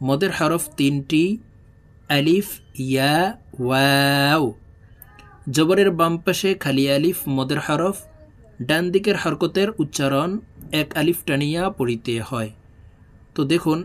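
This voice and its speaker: Teacher drawing out each recited syllable. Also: male voice, a little high. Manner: quick spoken explanations, slow drawn-out recitation when spelling. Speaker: Quran reading teacher. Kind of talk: religious reading lesson.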